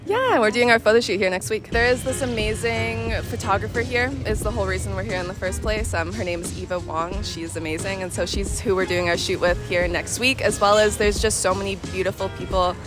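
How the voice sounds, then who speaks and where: A woman from Canada answers street interview questions in a light, casual way at a middle pitch. Clear music plays under her. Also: brisk, few pauses. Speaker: online marketing worker.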